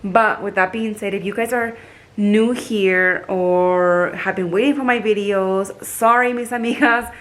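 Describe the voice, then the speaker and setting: A young woman chatting excitedly to her phone camera at home, slipping phrases in among her English. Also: medium pitch, unhurried. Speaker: vlogger. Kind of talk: casual chat to camera.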